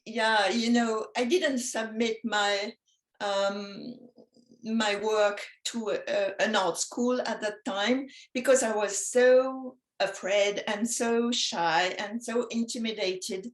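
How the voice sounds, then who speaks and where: French lady guest, kinda high voice, takes her time with lots of ums, roomy echo. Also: fairly even intonation. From France. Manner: slow, halting, many ums, soft laughs. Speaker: guest artist. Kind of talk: casual interview chat. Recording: echoey room.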